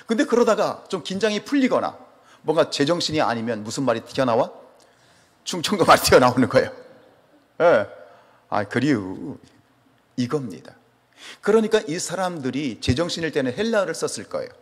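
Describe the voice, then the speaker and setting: A man from Chungcheong, South Korea, preaches with a husky, slightly high voice at a quick pace, with a long reverb tail filling the church sanctuary. His accent is Chungcheong Korean, and he animatedly puts questions to the congregation before answering them.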